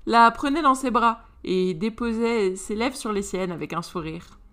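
Woman narrating a love story, crisp bright voice, reads it out lively. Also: on the high side, moderate pace. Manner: lively, animated, voices all characters. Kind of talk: reading a romance novel aloud with voices.

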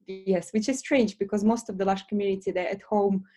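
A woman with a soft-edged, mellow tone and a Belarusian accent answers questions in a casual interview. English is not her first language, and her phrasing is hesitant, with frequent small pauses. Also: mid-range voice, steady tone. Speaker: interview guest, lash business founder.

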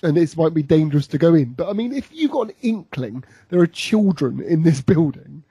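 A man's voice: a little high, very animated, fairly quick, warm tone, husky, no room sound. A man chatting casually as a podcast co-host, recapping an episode with a rambling, laughing delivery. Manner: rambling, many restarts and laughs. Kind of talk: casual chat.

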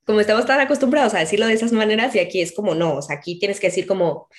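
A young woman with a Mexican accent, chatting casually as an interview guest and telling animated stories. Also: medium pitch, rapid-fire. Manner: animated storytelling, voices her own and others' quoted lines.

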